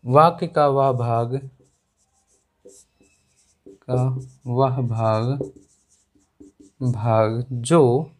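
Young male tutor, very slow, repeats each phrase while writing on the board, mid-pitched, room mic at a distance. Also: steady tone, a little mellow. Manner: slow and repetitive, dictating words while writing; addresses students as dear children. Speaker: English grammar teacher. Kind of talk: whiteboard lesson in Hindi. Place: small classroom at a whiteboard.

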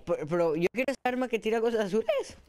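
A man with a put-on Spain Spanish accent, giving excitable, self-mocking live commentary over his own gameplay. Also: high-pitched, quick pace, slight background noise. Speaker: gaming channel host.

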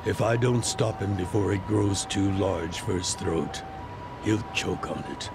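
A noisy background sits behind a low-pitched, gravelly older man voicing a retired yakuza boss for a video game cutscene dub. Weary yet fatherly, he speaks slowly and deliberately in a calm, reflective mood.

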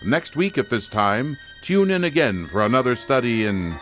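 A man's voice: medium pitch, big pitch swings, moderate pace, over music. A man announcing a suspense radio drama in a scripted, theatrical old-time style. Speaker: announcer and actor.

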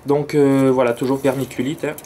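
A man's voice: mid-range voice, little pitch movement, moderate pace, dark tone, a little hiss or hum. A man with a southern French accent chatting enthusiastically about his plants outdoors, with slangy asides. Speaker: plant vlogger. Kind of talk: casual chat. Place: outdoors near a road with cars and planes.

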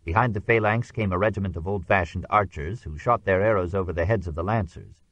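Man, audiobook narrator, very low pitch, measured even delivery, dry close-mic sound. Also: dry recording, low-quality recording. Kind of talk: scripted narration of history.

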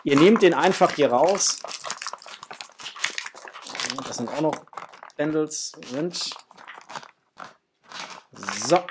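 In a small room with framed posters on the walls, a toy unboxing vlogger in his forties chats to his viewers like friends, full of enthusiasm as he shows off an unboxing. He speaks on the high side, slowly, pausing often, with noise in the background.

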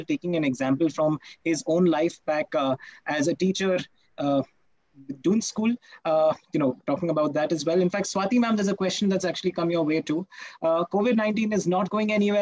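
A man's voice: high voice, darkish tone, dry recording, low-quality recording. A man with an Indian English accent moderating an online panel in a wordy, formal and deferential way.

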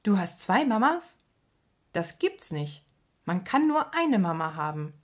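A woman's voice: medium pitch, very animated, measured pace. A woman reading aloud, voicing a doubtful, stubborn young girl in a storybook. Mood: skeptical. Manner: skeptical, insistent.

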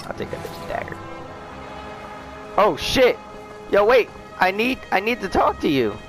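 A man's voice: sing-song, unhurried, a bit bright, soft background music. Young man in profane, panicky game commentary. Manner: profane, shifts from low muttering to shrieking panic. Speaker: gamer. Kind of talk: let's play commentary.

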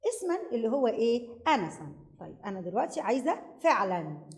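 A woman's voice: fairly high pitch, very animated, fast. A woman with an Egyptian accent teaching a primary school Arabic review lesson, asking questions and praising the answers.

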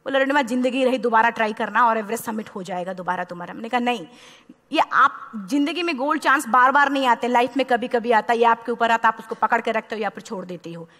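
A young woman tells her story from a stage to an audience, her fairly high voice rising and falling between near-whispers and loud outbursts. The sound has the long reverb of a large hall. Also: fast. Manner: passionate storytelling, voice swings from hushed to loud. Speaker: motivational speaker. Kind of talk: inspirational stage talk.

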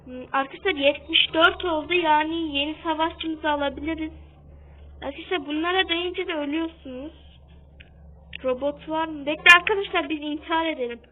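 A young-sounding woman giving casual gameplay commentary for her channel, half-shouting and keeping up a running chat with her viewers. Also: high-pitched, steady tone, fairly quick. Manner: talks a bit loudly on purpose, keeps calling out to viewers. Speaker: gaming channel host. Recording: tinny phone-like sound.

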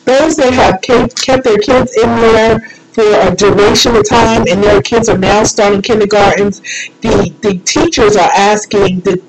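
Here a radio host talks alone on her show in a steady, medium-pitched voice, a little slowly, rambling in a relaxed, homespun style. The low-quality recording has loud music underneath.

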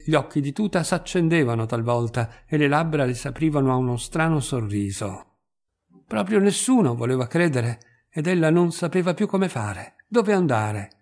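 Man reading a classic story. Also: on the high side. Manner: measured, even reading. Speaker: reader. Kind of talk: scripted narration of a literary story.

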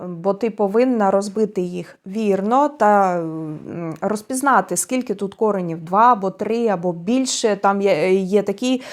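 A woman with a Ukrainian accent hosts her own casual language lesson, speaking at an ordinary mid pitch. She explains things thoughtfully and stops now and then with fillers while she finds the next word. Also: unhurried. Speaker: channel host explaining Estonian stress.

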